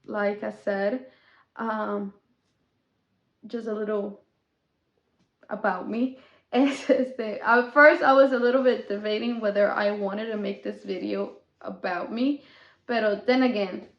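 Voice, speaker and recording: A woman's voice: medium pitch, steady tone, takes it slowly, long pauses. A woman, hosting a podcast in casual chat that switches between English and Spanish. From Mexico. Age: 20s. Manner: chatty, code-switching, with small laughs. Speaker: podcast host. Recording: echoey room, dull lo-fi sound.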